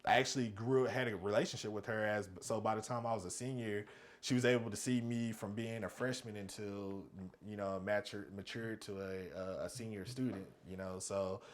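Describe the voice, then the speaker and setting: A man's voice: lowish voice, steady tone, moderate pace. Rambling, cursing man in his thirties. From United States. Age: 30s. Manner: rambling, profane, frequent restarts and fillers. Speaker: podcast co-host. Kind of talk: casual chat.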